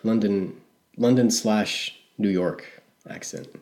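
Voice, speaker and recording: A man's voice: on the low side, fairly even intonation, slow pace, a little mellow. A man co-hosting a casual music talk show, rambling and correcting himself as he goes. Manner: rambling, self-correcting, hedging. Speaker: podcast co-host.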